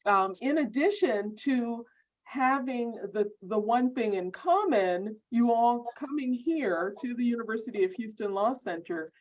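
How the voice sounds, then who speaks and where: Brief: woman program host, slow and halting with lots of ums, muffled video-call sound. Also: on the high side, lively intonation, a little mellow. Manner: halting, many ums and repeated words. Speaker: law school program administrator. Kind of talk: welcoming remarks at an online orientation.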